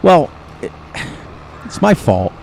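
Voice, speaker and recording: The host of a farming game channel, an American man, offers relaxed gameplay commentary that wanders between subjects, punctuated by frequent chuckles. His voice is on the high side, creaky and darkish, with a sing-song lilt and a slow pace. The recording is low quality, with a little hiss or hum.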